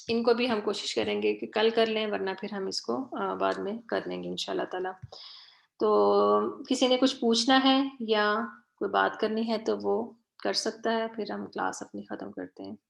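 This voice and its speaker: A woman's voice: mid-range voice, vocal fry. A woman teaching a Quran recitation class online, patiently correcting a student's pronunciation and repeating words.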